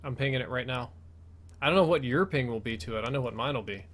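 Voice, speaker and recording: A man's voice: medium pitch, fast, a bit bright. An American man doing casual live commentary as the host of a gaming video, his S sounds slipping a little because he wears braces.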